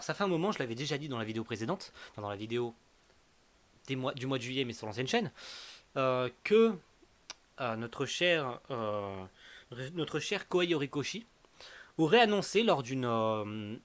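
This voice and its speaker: A man's voice: medium pitch, fairly bright tone. A young man casually reviewing the month's manga to camera, rambling with many fillers and teasing his viewers.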